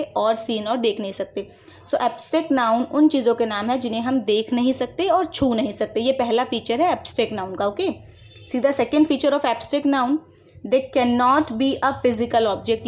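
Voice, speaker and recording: A woman's voice: on the high side, darkish tone. Woman teacher explaining to children. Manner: addresses students as beta, frequent "है ना?" check-ins, explains slowly line by line. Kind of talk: bilingual classroom explanation to children.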